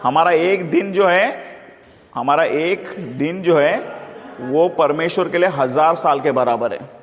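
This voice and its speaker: Male Bible teacher, Mumbai Hindi accent, slightly high voice, chatty and playful, asks for responses; reverberant church hall. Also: slow pace. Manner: chatty, jokey, calls for congregation responses. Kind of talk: sermon teaching.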